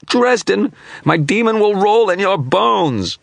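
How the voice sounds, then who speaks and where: A gloating, scornful phantom sent by a hidden sorcerer, as a man narrating puts it on, pitched well above the reader's own deep voice. It speaks with cold confidence and a husky edge, and the recording is dry and close. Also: big pitch swings, moderate pace, no echo. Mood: furious. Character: sneering shadowy phantom of an unseen sorcerer, supremely confident. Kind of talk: audiobook narration.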